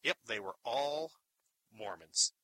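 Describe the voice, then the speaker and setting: A man's voice: medium pitch, expressive, slow, sharp tone, poor audio. A male caller in a comedy radio sketch, talking like a pushy salesman.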